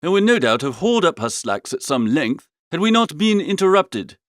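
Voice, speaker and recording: Reading a first-person comic story for an audiobook, this man has a slightly high, fairly bright voice that swings widely in pitch at a moderate pace. His manner is breezy and theatrical, full of old-fashioned upper-class idiom, captured in a clean, dry studio recording.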